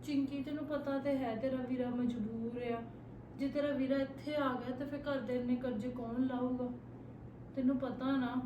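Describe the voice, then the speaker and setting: A woman's voice: sits high, roomy sound, background noise. A woman in an amateur short-film drama, speaking in a coaxing, affectionate, teasing way. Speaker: sister-in-law in a short film.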